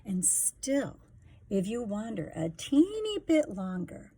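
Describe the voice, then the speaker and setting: A woman reads rhyming picture-book lines at storytime, giving them a rhythmic, unhurried and expressive delivery. Her medium-pitched voice has a creaky, husky tone.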